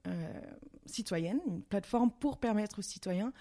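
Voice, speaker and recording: A woman's voice: mid-range voice, measured pace, warm tone. Hesitant woman in her thirties, interview guest. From Belgium. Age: 30s. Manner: hesitant, many fillers and restarts, friendly. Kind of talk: interview answers.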